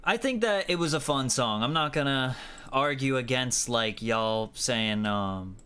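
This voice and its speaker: A man's voice: medium pitch, animated, measured pace, bright, forceful tone, clear, resonant tone. A man hosting a music review show, giving a blunt, rambling critique full of fillers and swearing. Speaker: host reviewing music submissions. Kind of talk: casual critique.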